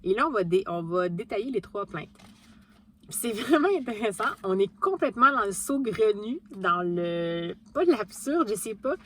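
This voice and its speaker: A woman's voice: mid-range voice, expressive, moderate pace, a bit bright, a little hiss or hum. Chatty Québécois woman vlogging about books. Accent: Québécois French. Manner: chatty, many fillers and restarts. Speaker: book vlogger. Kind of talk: casual book vlog chat.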